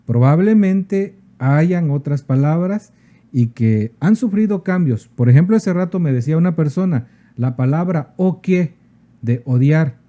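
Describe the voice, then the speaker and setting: Man, very dark mellow voice, fairly high, patient language teacher going through examples. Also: animated, dull audio. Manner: patient, explains slowly with many examples. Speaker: teacher of a native language's alphabet. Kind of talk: spoken lesson on spelling and tones.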